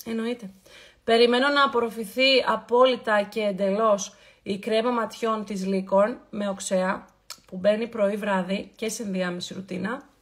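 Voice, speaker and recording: A woman's voice: medium pitch, steady tone. A woman hosting a casual live skincare stream. She talks in a chatty, affectionate way, greets viewers by name and playfully repeats words for emphasis. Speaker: beauty livestream host.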